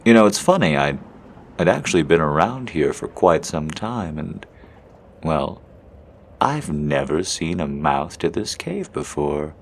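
A man's voice: rumbling low, big pitch swings, a little slow, creaky, a little hiss or hum, exaggerated voice. A man voicing Henry, a cheerful and helpful stranger who chats reassuringly in an audio roleplay. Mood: chatty. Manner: warm, chatty, reassuring.

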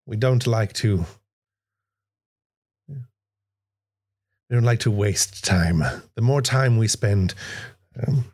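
A man's voice: lowish voice, slow pace, long pauses, darkish tone. A man voicing a stern, humorless male alien guide in a tabletop game. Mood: matter-of-fact.

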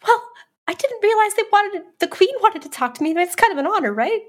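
A woman's voice: very high voice, sing-song, fast, pitched above the performer's own voice. A woman voicing an eager, naive young adventurer who rambles hesitantly with lots of fillers.

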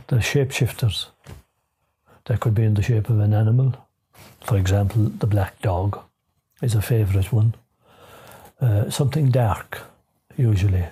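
A man's voice: on the low side, mellow, slightly rough. An older man with an Irish accent, telling folklore unscripted in a traditional storyteller's lilt. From Ireland. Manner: lilting traditional storyteller's delivery.

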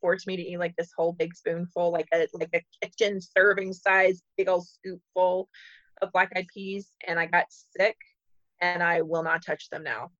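A woman's voice: lowish voice, little pitch movement, normal speed, a bit bright, no room sound, highs cut off. A woman comedian chatting playfully on a podcast and laughing often. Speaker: comedian guest. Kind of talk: casual podcast chat.

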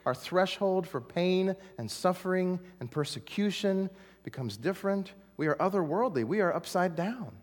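A man preaching a sermon in a dramatic way, dropping to a hush and then rising to emphatic points. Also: fairly high pitch, long reverb tail. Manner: dramatic, swings from hushed to emphatic. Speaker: pastor.

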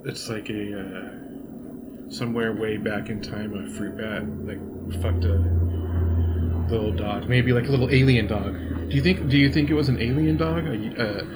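A man's voice: lowish voice, steady tone, normal speed, very noisy. Laid-back joking man in casual chat. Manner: laid-back, joking, trails off mid-sentence. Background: background music.

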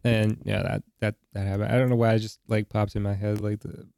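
Gravelly, mellow-voiced man, speaking hesitantly. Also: lowish voice, level tone, a little hiss or hum. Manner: hesitant, halting, with frequent restarts. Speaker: podcast co-host. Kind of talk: casual chat.

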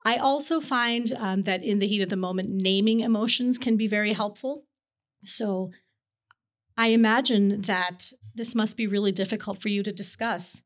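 A woman doctor with a mid-pitched voice explains things calmly and steadily in a podcast chat. Her delivery is measured and clear, like a patient teacher. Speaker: physician and podcast co-host. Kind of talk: casual conversational teaching.

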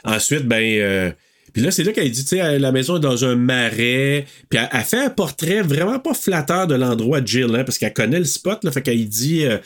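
A man's voice: mid-range voice, animated, brisk. A man with a Quebec French accent recapping a film in casual chat, rambling with many fillers and hesitations. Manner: rambling recaps with frequent "euh" and "là".

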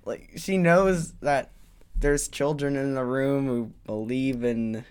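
A man's voice: medium pitch, steady tone, takes it slowly, darkish tone, smooth. A young man co-hosting a comedy podcast, talking in a playful, teasing way. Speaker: podcast co-host. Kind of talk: casual comedy chat.

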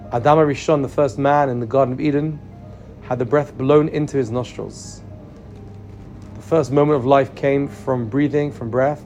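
A man guides a relaxation meditation in a calm, soothing manner. His voice sits at a medium pitch. Plucked guitar music is clearly heard behind his instructions. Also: dull audio. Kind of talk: guided meditation and body scan.

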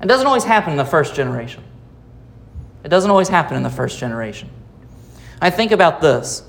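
An American man, a pastor, preaching a sermon with dramatic pauses and rhetorical questions. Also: fairly high pitch, big pitch swings, gravelly. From United States.

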